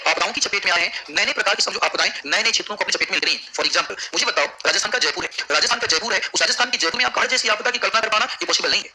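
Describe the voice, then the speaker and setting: Male geography teacher, rapid-fire call-and-response lecturing, high bright voice, faint room noise. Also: rough recording. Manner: drills students with repeated questions. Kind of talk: classroom lecture. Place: classroom.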